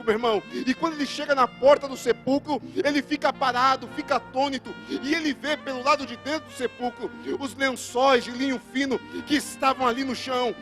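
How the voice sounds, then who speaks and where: High-voiced Brazilian evangelist preaching. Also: male voice. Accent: Brazilian Portuguese. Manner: storytelling preaching that builds to loud emphatic declarations. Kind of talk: sermon. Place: church service.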